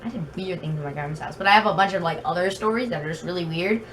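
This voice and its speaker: A video blogger with a very slight lisp races through rambling, chatty stories at her own expense. Her voice is fairly low and fairly bright. She's at home in her bedroom, and the distant mic catches a fan in the noisy room.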